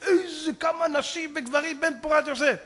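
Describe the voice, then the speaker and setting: A rabbi preaches in a high, ringing voice that cuts sharply through the air. He tells his stories dramatically, dropping to a hush and then rising to impassioned shouts. A long reverb trails his voice across a large hall. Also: fairly even intonation. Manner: dramatic, swings from hushed tones to impassioned shouting. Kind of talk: storytelling sermon.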